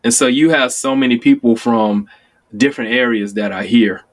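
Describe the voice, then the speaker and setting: A man in his forties from Chicago, telling stories in casual conversation, acting out quoted lines with sudden jumps in pitch. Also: normal speed. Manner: animated storyteller, acts out quotes with sudden high pitch jumps. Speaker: guest.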